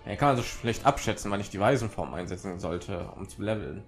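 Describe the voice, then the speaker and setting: A man's voice: fairly low pitch, expressive, brisk. A young man casually commenting on a game he is playing and reading the subtitles aloud in an offhand way. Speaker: let's player. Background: game music.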